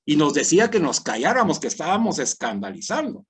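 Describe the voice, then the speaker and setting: A man guides his parish group through a scripture meditation, speaking dramatically, shifting between soft and loud, and acting out the crowd's words. His voice is fairly high, sing-song, brisk, and slightly rough.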